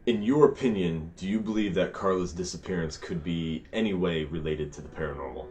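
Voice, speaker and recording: A man's voice: deep voice, fairly quick, darkish tone, close to an everyday voice. A man playing a probing documentary interviewer, asking questions in a mock documentary. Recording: faint background noise, room ambience.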